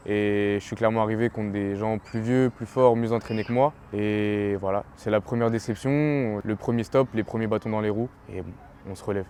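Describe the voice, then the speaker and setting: Young man from French Guiana, low voice. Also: normal speed, a little hiss or hum. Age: 20s. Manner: relaxed, talks plainly with fillers. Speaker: young athlete interviewee. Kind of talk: casual interview. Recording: interview with faint music underneath.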